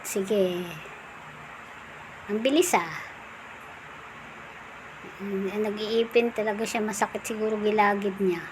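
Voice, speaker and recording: Woman, casual pet vlog commentary, slow, fairly high voice, cooing sing-song calls to her dog, clear background noise. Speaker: vlogger filming her dog.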